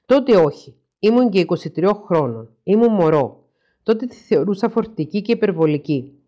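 A woman's voice: mid-range voice, animated, mellow, muffled recording, close to an everyday voice. A woman voicing a troubled young husband who talks in a plain, confiding and hurt way. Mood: rueful.

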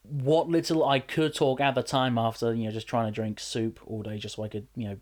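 A man with a medium-pitched voice talks fairly quickly, spinning stories in a casual podcast chat. He's a wrestler and general manager, an animated storyteller who restarts his sentences constantly.

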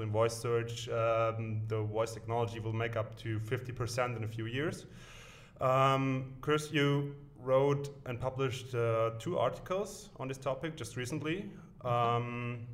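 A man hosts a podcast interview in a casual, easygoing manner. He asks his questions with frequent small hesitations. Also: medium pitch. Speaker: podcast host.

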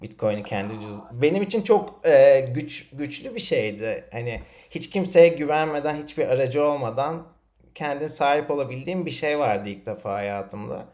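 A man's voice: medium pitch, animated, normal speed, darkish tone. Easygoing man interviewing. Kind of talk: casual conversational interview.

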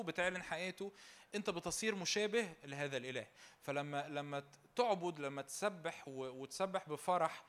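A young man with an Egyptian Arabic accent preaches fervently in a slightly high, somewhat bright voice. He repeats himself, raises his voice to exhort listeners, and slips in joking asides.

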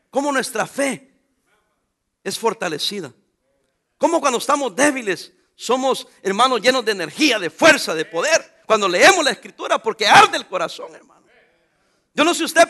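A man's voice: extremely high pitch, pushed and bright. A middle-aged man preaching a sermon, fervent and full of questions to his listeners.

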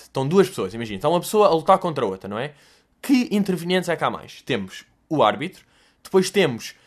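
Animated Portuguese man telling stories. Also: on the high side. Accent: European Portuguese. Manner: animated storyteller, swears freely, mimics voices and music. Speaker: podcast host answering listener questions. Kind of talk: casual comedic monologue.

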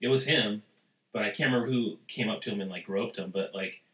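A man's voice: fairly quick, a bit bright, echoey room, distant mic, low-quality recording. A man co-hosting a podcast, rambling crudely through stories in casual chat. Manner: rambling, crude, acts out quotes in a high voice.

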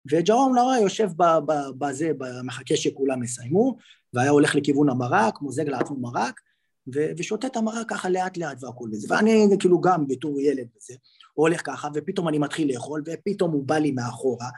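A man with a fairly high, husky voice spins an animated story as a podcast guest. He keeps stopping to restart and fill gaps mid-sentence, so the talk comes out loose and conversational. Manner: lively storyteller with many fillers and restarts. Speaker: podcast guest, former footballer. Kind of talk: animated anecdote telling in conversation.

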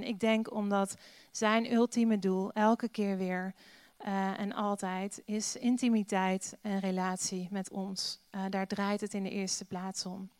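Woman preacher, sermon with scripture reading, easygoing and full of rhetorical questions, smooth voice, dry close sound. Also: mid-range voice, darkish tone, no echo. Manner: conversational, many filler sounds, rhetorical questions.

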